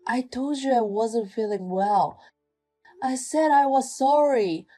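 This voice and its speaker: A worn-down pregnant wife voiced by a woman speaks in a soft, pleading way, slow and dark in tone. Faint music plays under the dialogue of this scripted domestic drama. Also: fairly high pitch. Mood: defensive.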